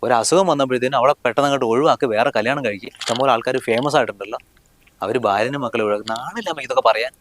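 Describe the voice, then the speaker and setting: A man's voice: medium pitch, very fast, a bit bright, slight background noise, lightly acted. A young man playing a loyal husband who answers firmly and reassures his ill wife in a family short film. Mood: indignant. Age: young adult. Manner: firm, indignant, reassuring. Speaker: husband and son.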